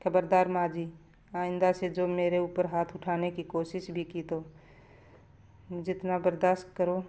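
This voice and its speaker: A woman's voice: fairly low pitch, monotone, measured pace, mellow, lightly acted. A woman voicing a young daughter-in-law who firmly and resolutely refuses to give in. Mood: defiant. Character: defiant young daughter-in-law, long patient, now standing firm.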